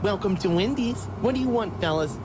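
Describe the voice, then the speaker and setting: A man's voice: animated, a little fast, noisy background. A creepy lisping drive-thru man in a wig. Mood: flirty. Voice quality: high sing-song voice, syrupy and purring with a lisp.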